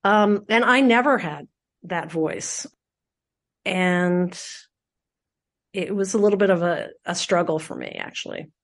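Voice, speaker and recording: A woman's voice: on the low side, unhurried, long pauses. Earthy, candid woman in conversation. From Philadelphia. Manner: earthy, animated, self-deprecating. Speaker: guest, public radio host. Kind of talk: casual interview chat.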